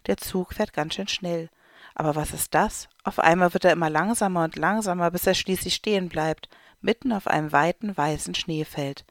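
Storybook narrator: calm, clear read-aloud, close and dry, no room sound. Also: mid-range voice, moderate pace, no echo. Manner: calm, clear read-aloud delivery with light voices for characters. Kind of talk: storybook reading for children.

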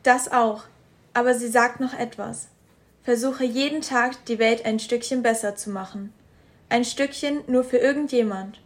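A woman voicing a cheerful, kind little child with bright, eager chatter. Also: on the high side, steady tone, a little slow, pitched above the performer's own voice, lightly acted.

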